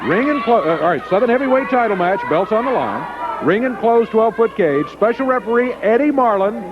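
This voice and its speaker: A male wrestling interviewer with a high voice that jumps around a lot. He needles his guest and trips over the words he reads aloud. Music plays under a dull, muffled tape. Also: lively intonation, fairly quick. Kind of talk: broadcast interview.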